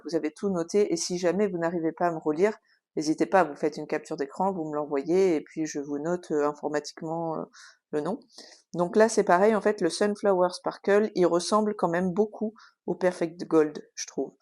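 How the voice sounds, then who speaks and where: A woman's voice: low voice, a little mellow. A woman hosting a casual craft tutorial, explaining at an easy pace with frequent hesitations and filler sounds. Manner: chatty, explanatory.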